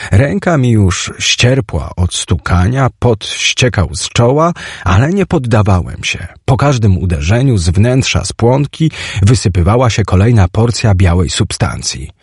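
A man narrates a first-person story in a vivid, expressive audiobook read. His voice is gravelly and a little husky, with a lively, wide-ranging pitch, recorded close and dry in a booth. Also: dry recording.

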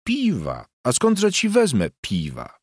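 A man reading an audiobook, voicing a shrill, sharp-tongued peasant wife who scolds and mocks her husband. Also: very animated, moderate pace, dry recording, studio quality. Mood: mocking. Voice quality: shrill, mocking and jeering.

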